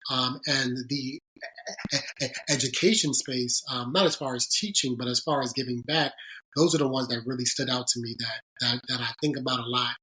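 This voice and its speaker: This man's mid-range voice sounds pushed and bright, with fairly even intonation, and the audio is poor. Being interviewed on a podcast, he thoughtfully recounts his career as a sports agent, earnest and hesitant, restarting sentences often.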